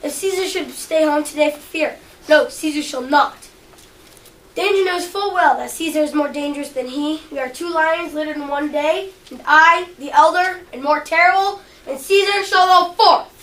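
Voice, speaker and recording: A woman's voice: high-pitched, moderate pace, natural voice. A woman playing a proud, defiant Roman ruler, declaiming verse in an amateur stage performance. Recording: echoey room, distant mic, background noise.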